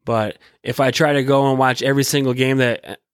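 A Michigan man hosts a solo podcast, rambling through casual sports commentary in slangy American talk, swearing freely and repeating himself. His medium-pitched voice is steady, brisk, clear and resonant, captured in a dry, studio-quality recording.

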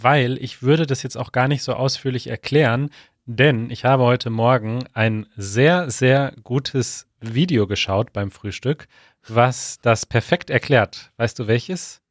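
A man co-hosting a podcast in casual chat, relaxed and a little hesitant. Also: medium pitch, measured pace, no echo, studio quality. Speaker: podcast co-host.

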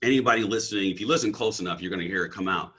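A man talks very fast in a casual interview about his coaching and speaking career. His voice is deep yet fairly bright with a breathy edge, and his energetic, slangy speech, peppered with "bro," is full of restarts and stammers.

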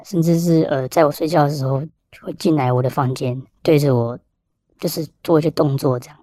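A man voicing a frightened teenage girl who speaks haltingly and stammers. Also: fairly high pitch, fairly even intonation, mellow, dry recording, clean studio sound, lightly acted.

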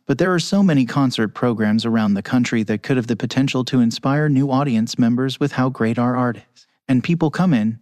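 An anonymous male conductor whose voice is electronically disguised, giving measured, articulate interview answers over a remote call. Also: medium pitch, darkish tone, dry recording. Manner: measured, articulate, argues at length. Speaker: orchestra conductor, anonymous guest. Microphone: remote call with camera off.

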